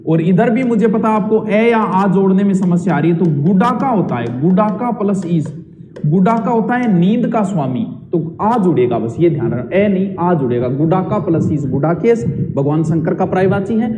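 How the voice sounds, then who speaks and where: Male teacher in a live online class, high voice, hall reverb, patient step-by-step delivery. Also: lively intonation, normal speed, crowd noise. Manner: explains step by step, reads out student comments. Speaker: Hindi grammar teacher.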